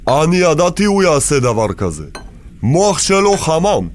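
A man's voice: a little high, very animated, slight background noise. An actor playing a stern, protective older immigrant father who speaks broken Hebrew, in a radio drama.

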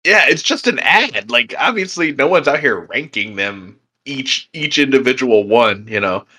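A man's voice: medium pitch, lively intonation, moderate pace, sharp tone, slightly rough. A young man co-hosting a beer podcast, chatting casually with lots of fillers and easy laughter. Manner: rambling, filler-heavy, laughs easily. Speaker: podcast co-host. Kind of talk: casual chat.

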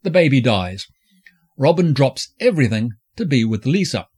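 Man, campy flamboyant drag-queen delivery, husky voice, animated swooping pitch, scripted podcast narration. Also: normal speed. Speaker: film review podcast host. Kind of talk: scripted film review narration.

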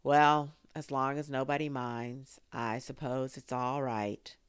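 Woman doing a slow, gloomy old donkey. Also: extremely low pitch, level tone, smooth, no echo, studio quality. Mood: gloomy complaining. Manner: slow mournful grumbling.

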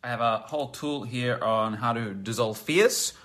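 Blunt male self-help lecturer, bright and forceful, with a long hall echo. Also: mid-range voice, normal speed. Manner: blunt, emphatic, swears. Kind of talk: lecture with sales pitch.

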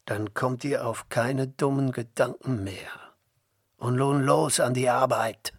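A man's voice: medium pitch, measured pace, breathy edge, no echo, clean studio sound. A man reading the part of a proud, angry king in a storybook, haughty and commanding.

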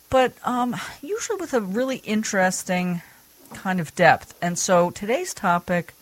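A woman hosting a radio show, chatting casually with guests and laughing easily. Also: no echo. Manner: chatty, laughs easily, lively pitch swings. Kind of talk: casual radio interview chat.

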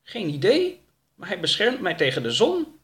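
Guy doing a sweet naive traveller, earnest, pitched way up. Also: wildly swooping pitch, normal speed, fairly bright tone, heavily acted.

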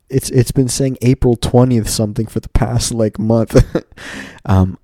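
A man hosts a relaxed one-person podcast, chatting openly and rambling to his audience with a mildly stuffy nose. His voice leans low and mellow, recorded dry.

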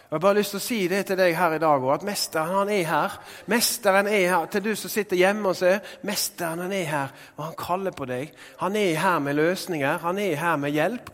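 A man preaching in a fairly high voice, talking to the congregation in a loose, chatty way, then building to loud declarations. His voice carries a long reverb, as in a big hall. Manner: conversational preaching with filler words, rising to loud proclamations. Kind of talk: sermon.

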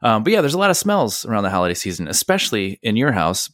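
A man's voice: lowish voice, big pitch swings, fast, a bit bright, no room sound, clean studio sound. A man co-hosting a casual chat, joking and self-deprecating. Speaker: podcast co-host.

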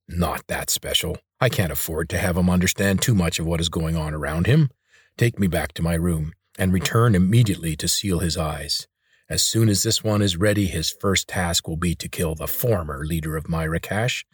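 A man's voice: deep voice, moderate pace, husky, no room sound, studio quality. A man voicing a cold, commanding villain in a storybook reading.

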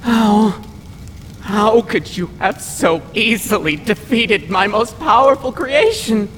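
An actress playing a boastful, theatrical cartoon villainess with a grandiose, melodramatic delivery. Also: female voice, mid-range voice, animated, slow, a little hiss or hum. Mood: stunned, defeated. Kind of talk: animated comedy voice acting. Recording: music behind the voice.

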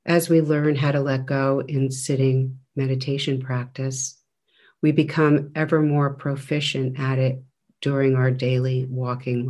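A man guides a meditation at a very slow pace. His delivery is gentle and flat in pitch, with a medium register. Long, measured pauses separate his phrases. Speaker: meditation teacher.

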